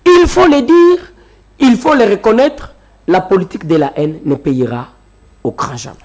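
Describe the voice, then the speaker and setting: A man's voice: sits high, animated, normal speed. A man from the DR Congo with a Congolese French accent, arguing his point as a guest in a televised political debate and repeating phrases for emphasis.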